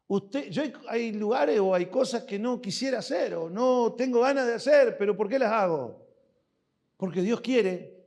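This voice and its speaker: A man's voice: high voice, darkish tone. A man preaches a sermon to his church. He talks animatedly, acting out exchanges with God and turning to the congregation with questions. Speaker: pastor.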